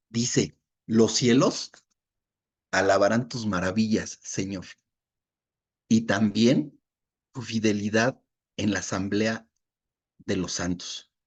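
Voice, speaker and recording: A man teaching a Bible study, reading verses aloud and explaining them, who often checks in with his listeners and fills pauses with short murmurs. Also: on the low side, darkish tone, slightly rough.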